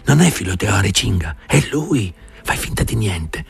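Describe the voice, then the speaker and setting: A man voicing two gossiping young village women who talk quickly in half-whispers. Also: fairly low pitch, very animated, gravelly, slightly rough, heavily acted. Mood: wary gossip.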